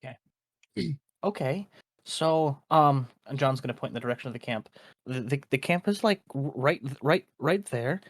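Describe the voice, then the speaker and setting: A man's voice: mid-range voice, lively intonation, normal speed, dry recording. Close, dry-miked male tabletop player. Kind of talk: casual in-game chat.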